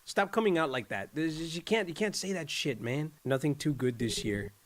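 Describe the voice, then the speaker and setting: A man with a slightly high, lively voice streams a horror game at normal speed, offering casual commentary. He jokes and trash-talks the characters with profanity, dropping Spanish slang into his English.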